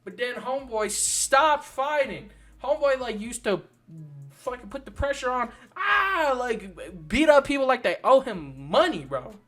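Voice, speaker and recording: A man talks through fighters in a loose, profane rant. He is sarcastic and drops bro and dude all the time. His voice has a middling pitch, and faint music runs under it. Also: expressive, moderate pace, a bit bright. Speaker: channel host. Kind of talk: casual commentary vlog.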